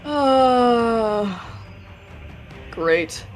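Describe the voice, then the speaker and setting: A woman's voice: a little high, expressive, very slow. Wry woman gamer, faint music behind. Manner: wry, sarcastic. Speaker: tabletop game player. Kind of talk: casual game chat. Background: background music.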